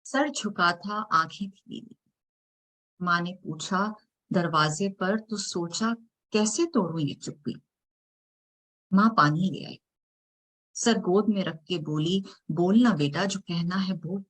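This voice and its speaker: A woman performing her own spoken word poem over a video call, taking her time with every phrase. Her voice is bright and forceful, and she swings from hushed lines to loud, ringing ones. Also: lowish voice, slow pace, pauses often, poor audio. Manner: dramatic, with big swings between soft and loud lines. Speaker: poet. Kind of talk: spoken word poetry recital. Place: home, online event.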